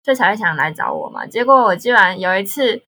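A young woman with a Taiwanese accent, casually telling stories in conversation in an animated way. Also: mid-range voice, fast, husky. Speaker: guest, language tutor.

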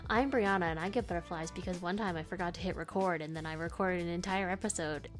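A woman co-hosts a relaxed movie podcast with a lowish voice. She talks in a laid-back, teasing way and often lets her sentences trail off. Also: quick pace, faint music behind. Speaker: podcast co-host. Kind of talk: casual podcast chat.

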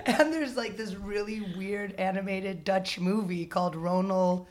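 A woman comedian talks in a loose podcast conversation. She tells her stories with a lot of life and slips into the voices of the people she quotes. Her pitch sits in the middle for a woman. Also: a little slow. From Indian heritage. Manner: animated storyteller who acts out quoted voices. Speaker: comedian guest. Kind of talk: casual podcast chat.

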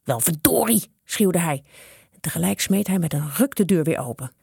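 A woman reading a children's story aloud in a lively narrating manner. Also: deep voice, moderate pace, vocal fry, slightly rough, dry recording, studio quality. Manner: lively, with character voices.

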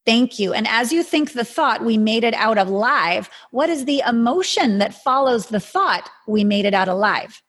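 A woman with an airy, breathy voice coaching a guided meditation in a mystical healer's manner, with soothing, incantatory prompts. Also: a little high, animated, normal speed, few pauses, fairly bright tone. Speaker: guide leading an emotional healing exercise.

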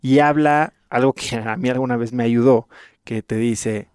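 A man's voice: mid-range voice, steady tone, normal speed, a little mellow, clear, resonant tone, no room sound. Man hosting, dry close sound. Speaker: podcast host. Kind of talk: conversational interview.

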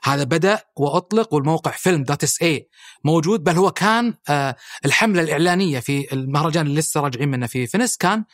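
A man's voice: on the high side, lively intonation, rapid-fire, a bit bright, no room sound, studio quality. A middle-aged man with a Saudi accent, explaining as a guest in a podcast interview, fluent and listing points with frequent hesitation sounds. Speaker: guest, head of a national film body.

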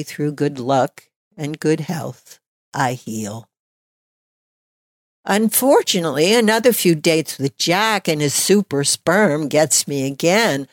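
An older woman, giving personal testimony in a measured, deliberate, reflective way. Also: low-pitched, no room sound, clean studio sound.

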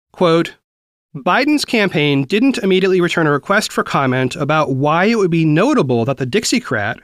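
Man, 40s, from the South, news host, animated delivery, dry close mic. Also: on the high side, no room sound. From American South. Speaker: podcast host. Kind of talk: news commentary.

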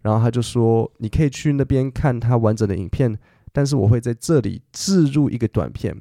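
Gravelly, dark-voiced man teaching. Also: medium pitch, brisk, dry recording, studio quality. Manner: patient and explanatory, with frequent fillers and self-corrections. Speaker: English teacher and podcast host. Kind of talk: podcast language lesson, explaining in detail.

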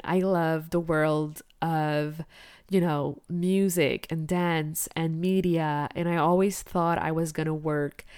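In a dry, clean studio recording, a woman's smooth voice sits low as she delivers a relaxed solo podcast monologue. Raised in Quebec, Canada, with French as her first language, she works as a business coach and comes across as candid, upbeat, and motivating.

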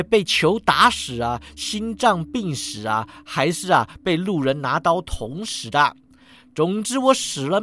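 A man's voice: sits high, a bit bright, voice pushed up, exaggerated voice. A man doing a drawling, meowing orange cat. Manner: drawling, sighs 'ai' and tacks 'meow' on lines. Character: lazy, glib reincarnated male orange cat. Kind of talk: storybook character voice.

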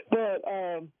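Male caller with a muffled, fishbowl-like phone sound; high, animated, chatty and laughing, dry line. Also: dry recording. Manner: chatty, often breaks into laughter. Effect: muffled phone line, like talking inside a fishbowl. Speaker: caller to a sports radio show. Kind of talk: casual chat.

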